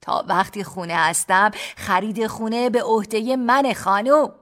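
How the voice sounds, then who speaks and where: A woman's voice: medium pitch, voice pushed up, close to an everyday voice. A woman voicing a playful young husband who talks in a sing-song, childlike way to tease his wife and children. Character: playful young husband using baby talk.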